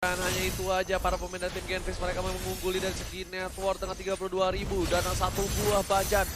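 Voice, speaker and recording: Man, Indonesian accent, esports caster, play-by-play commentary, high pitch, fairly even intonation, English gaming slang. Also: quick pace, soft background music. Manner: peppers talk with English exclamations and gaming jargon. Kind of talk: excited live esports match commentary.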